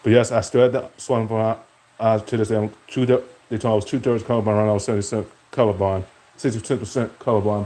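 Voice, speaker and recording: A young man with a deep, warm voice streams, rambling from one topic to the next in casual talk and addressing a rival who isn't there. The audio quality is poor.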